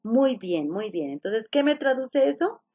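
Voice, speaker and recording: A woman's voice: a little high, big pitch swings, a little slow, warm tone. A woman teaches an English class over a video call and explains each step patiently. She repeats the key points and keeps asking her students questions. The call audio sounds a little muffled.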